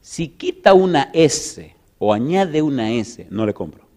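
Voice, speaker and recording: A middle-aged man preaching, telling a story with laughter and big swings from loud to hushed. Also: mid-range voice, very animated, a little slow. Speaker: pastor. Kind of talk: storytelling sermon.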